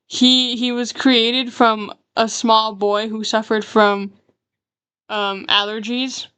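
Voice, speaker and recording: A woman's voice: on the high side, a bit bright, clean tone, no room sound. A woman streamer chatting casually while drawing, rambling as she explains her characters. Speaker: streamer and artist.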